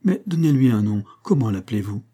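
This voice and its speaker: A man reading an audiobook, voicing a young sick woman with a gentle, eager, pleading manner. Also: expressive, brisk, husky. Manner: pleading, raised pitch.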